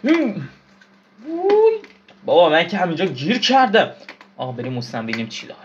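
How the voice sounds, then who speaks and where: A man's voice: fairly high pitch, very animated, lo-fi sound. A man giving casual gameplay commentary, frustrated, swearing and yelping at the game. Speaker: gaming YouTuber.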